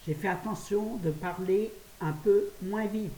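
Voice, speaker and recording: Sitting indoors at her apartment, an older vlogger from France talks quickly and chattily to camera on her phone, often laughing at herself. She has a mellow, mid-range voice, and the recording is distant and roomy with faint hiss.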